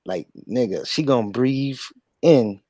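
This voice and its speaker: A man's voice: medium pitch, lively intonation, measured pace, dark tone, no echo, studio quality. A man in a casual group chat, blunt and teasing.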